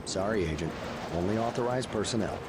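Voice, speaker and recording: A man's voice: lowish voice, brisk, lightly acted. A man voicing a stern armored security trooper in a video game, giving clipped orders to keep away. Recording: distant game audio, loud noise.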